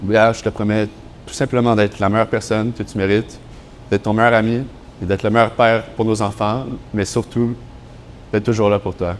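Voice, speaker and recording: A man's voice: lowish voice, level tone, moderate pace, a little hiss or hum. A young man with a Quebec French accent delivering prepared wedding vows as the groom. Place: wedding ceremony.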